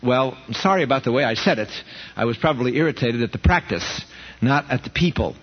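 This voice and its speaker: Lively intonation and a slightly quick pace mark this Brooklyn ministry leader's medium-pitched, breathy voice as he earnestly fields listener questions during a conversational Bible study talk. The radio recording is dull and reverberant.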